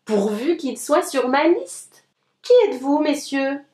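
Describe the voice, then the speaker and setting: Lucas, a woman voicing a softhearted wolf. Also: high voice, lively intonation, a little slow, echoey room. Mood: grumbling. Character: hungry, softhearted young male wolf.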